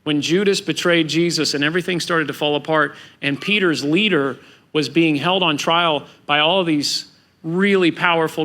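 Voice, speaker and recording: A man preaching a sermon as pastor, animated and acting out the voices of biblical figures. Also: fairly high pitch.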